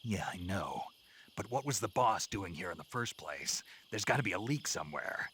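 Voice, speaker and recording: Gruff middle-aged game soldier, very low pitch, brooding, gravelly, noisy jungle backdrop. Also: male voice, lively intonation, moderate pace, a bit bright. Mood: grim, terse. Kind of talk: video game voice acting.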